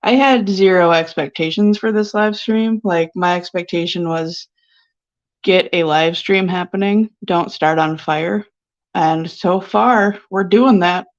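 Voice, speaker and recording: A woman's voice: fairly low pitch, measured pace. A sniffly woman painter chatting casually on a live stream, rambling and giggly with lots of filler words. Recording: dull lo-fi stream audio.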